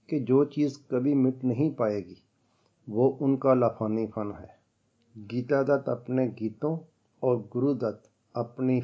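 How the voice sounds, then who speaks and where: A man with a dark, mellow voice reads a scripted documentary narration as host of his own channel. His diction is formal and literary, his delivery measured and reflective. The recording sounds dull and slightly lo-fi. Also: mid-range voice.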